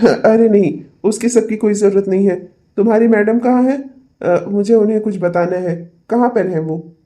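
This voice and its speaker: A man's voice: high voice, normal speed, warm tone, natural voice. A man voicing a self-satisfied, busy rich husband in a cartoon, breezy and demanding.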